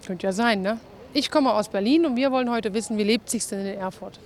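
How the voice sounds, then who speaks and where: Chatty high-voiced woman street reporter. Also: fairly quick. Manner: chatty, bubbly, laughs often. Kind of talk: vox pop street interviews. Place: city street outdoors with trams. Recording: faint street noise outdoors.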